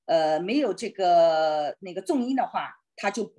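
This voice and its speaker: On a video call, a woman teaches an online Spanish class in Chinese, thinking aloud, hesitating and slowing down over Spanish words. Her voice is on the low side, expressive and mellow.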